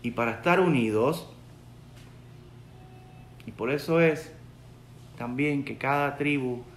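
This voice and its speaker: A bit bright and mid-range, the voice belongs to a rabbi in his forties from Puerto Rico, who speaks with a Puerto Rican Spanish accent. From his bookshelf-lined home study he earnestly teaches Torah to a webcam, repeating his key points, and the recording carries a roomy echo.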